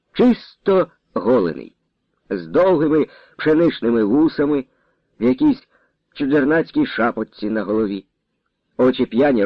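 A man reading a historical novel aloud as narrator, with an expressive storytelling manner. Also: a little high, no room sound, muffled recording. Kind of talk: audiobook reading.

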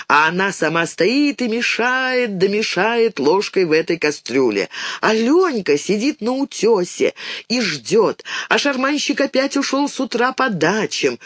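A woman narrating a children's story aloud with expressive storytelling. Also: mid-range voice, no room sound, studio quality. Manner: expressive, storytelling, vivid intonation. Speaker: audiobook narrator.

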